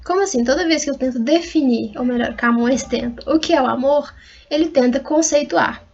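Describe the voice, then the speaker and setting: A Brazilian woman with a high voice gives a recorded university lecture on poetry. She goes step by step, naming rhyme patterns one letter at a time. The audio is somewhat dull and lo-fi. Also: brisk, darkish tone. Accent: Brazilian Portuguese. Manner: patient, methodical, spells out rhyme schemes letter by letter.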